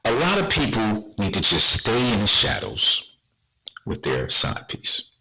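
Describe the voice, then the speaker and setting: Podcast host, male, bright and lively delivery, streetwise slang, talks straight to camera. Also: on the low side, a little slow, husky, poor audio. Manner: blunt, rhetorical questions, streetwise slang. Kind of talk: casual monologue to viewers.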